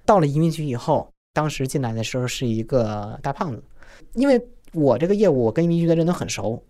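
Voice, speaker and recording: Fast-talking young man, disguised voice. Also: medium pitch, expressive, dark tone. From China. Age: 20s. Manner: plain, unpolished recounting. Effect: voice changer disguise. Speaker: storyteller. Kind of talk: first-person podcast storytelling.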